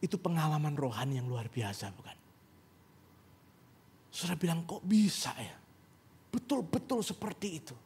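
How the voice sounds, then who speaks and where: A man's voice: a little high, sing-song, normal speed, long pauses, a little mellow, slightly rough. A man preaching a sermon as pastor in a church, conversational and rising to emphatic peaks. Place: church sanctuary.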